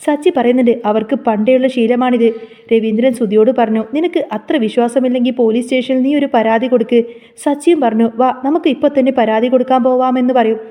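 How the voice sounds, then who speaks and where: A woman's voice: fairly high pitch, fairly even intonation, quick pace, warm tone. A woman narrating a recap of a TV serial episode, reading the characters' lines within her retelling.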